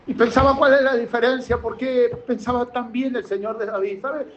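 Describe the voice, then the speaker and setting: A man preaching a sermon as pastor, with fervent delivery that moves from quiet low passages to shouted exhortation. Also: steady tone, moderate pace, echoey room, highs cut off. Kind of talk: impassioned sermon.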